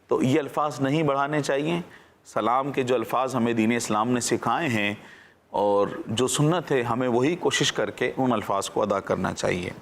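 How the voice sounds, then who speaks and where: A man's voice: mid-range voice, gravelly. A man presenting on a children's TV show, teaching patiently and quizzing his young listeners in a question-and-answer style.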